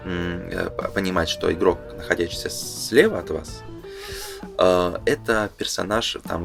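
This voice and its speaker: With a low, creaky voice, a man thinks aloud as he reads through a game booklet. His commentary is casual, unscripted and explanatory, delivered with some hesitation.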